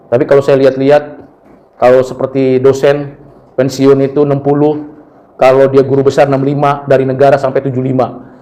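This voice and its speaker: Poor audio captures a middle-aged Indonesian man with a medium-pitched voice preaching a sermon. A preacher and university lecturer, he tells personal stories animatedly, acting out the people involved and their quoted words.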